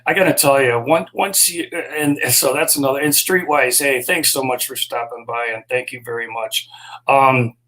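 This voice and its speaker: A man's voice: medium pitch, fairly even intonation, normal speed, sharp tone, low-quality recording. A middle-aged man chatting casually on his own live stream, explaining fish keeping in a rambling, folksy way and greeting viewers by name.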